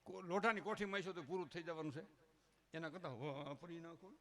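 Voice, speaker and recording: A middle-aged man with a Kathiawadi Gujarati accent gives a humorous folk talk at a religious gathering, rustic and joking, mimicking villagers before turning earnest. His voice is on the high side, brisk, pushed and bright.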